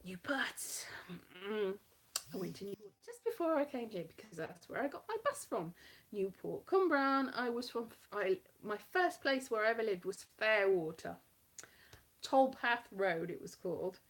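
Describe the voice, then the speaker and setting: With a medium-pitched, very animated voice and a measured pace, a festival comedian from South Wales rambles through a casual live stream in her home kitchen. She pokes fun at herself, and her Welsh accent has a light West Country flavor.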